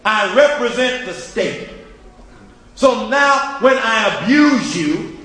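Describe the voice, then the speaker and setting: A man's voice: very high voice, animated, takes it slowly, a bit bright. A man, a teacher and ministry student, giving an emphatic preacherly address to an audience, repeating phrases for rhythm. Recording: echoey hall with long reverb.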